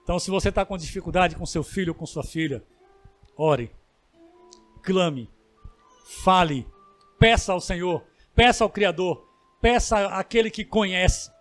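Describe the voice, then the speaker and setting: High-voiced Brazilian pastor preaching. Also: male voice, a bit bright, soft background music. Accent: Brazilian Portuguese. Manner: preaching with rising emphatic bursts and slow drawn-out pleas. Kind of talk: sermon.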